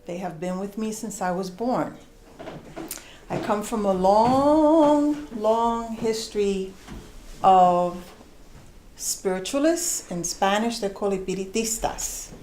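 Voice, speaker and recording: A middle-aged woman tells a personal story to a live audience, drawing out words for emphasis and slipping into voices as she goes. Her voice carries a roomy echo from the venue. A faint ambient hum sits under it. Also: mid-range voice. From New York, USA. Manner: animated, conversational, acts out voices and slows for emphasis.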